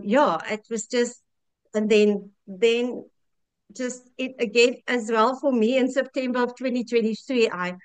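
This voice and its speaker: A woman's voice: on the high side, clear, resonant tone, no room sound. A South African woman in her fifties telling her own story in a candid, heartfelt way, often restarting her sentences. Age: 50s. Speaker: customer sharing a testimonial. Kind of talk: personal testimonial.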